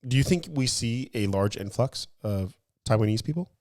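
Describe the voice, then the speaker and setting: A mid-range, slightly dark-toned male voice, animated and at a moderate pace, belongs to a casual podcast co-host. He uses analogies to make his points and nudges his partner with leading questions, restarting frequently.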